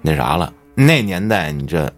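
A man's voice: sing-song, normal speed, soft background music. A man, a podcast host telling a ghost story in colloquial, swear-laden style. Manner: colloquial storyteller, swears often, dramatic swings in pitch.

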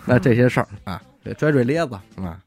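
A man's voice: mid-range voice, fast talker, dry recording, soft background music. A man, hosting a podcast and retelling a story in casual chat, often dropping in little 'ai' interjections. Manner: lively retelling with frequent 'ai' interjections and laughs. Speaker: podcast host.

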